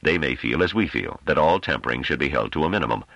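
A man's voice: very deep voice, expressive, fast talker, fairly bright tone, dry recording, dull audio, full character voice. A man voicing a grave, sardonic councillor. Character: calm sardonic male councillor defending himself.

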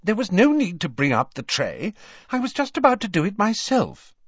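A flustered, cross middle-aged mother with a raised, brisk voice, as a male narrator puts her on. She speaks in clipped, rushed bursts that swoop up and down, and the recording sounds dull and close. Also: high-pitched, wildly swooping pitch, slightly rough, no room sound, voice pushed up, heavily acted. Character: anxious fussy mother, middle-aged woman.

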